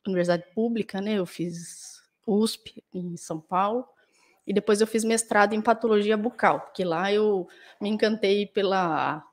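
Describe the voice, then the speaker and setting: A woman's voice: medium pitch, normal speed. A woman dentist and author answering interview questions, thoughtful and full of restarts and tag questions, with a Brazilian accent. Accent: Brazilian Portuguese.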